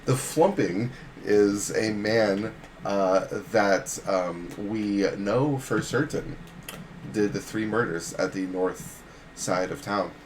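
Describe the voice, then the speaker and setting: A man voicing a slow-thinking centaur adventurer who rambles in a halting, earnest, formal way, recorded in a noisy room. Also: lowish voice. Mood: earnest, rambling.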